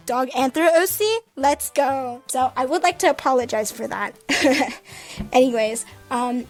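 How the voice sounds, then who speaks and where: A woman's voice: high-pitched, darkish tone. A woman artist vlogger talking casually and enthusiastically straight to her viewers. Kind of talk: casual vlog chat and voice-over narration.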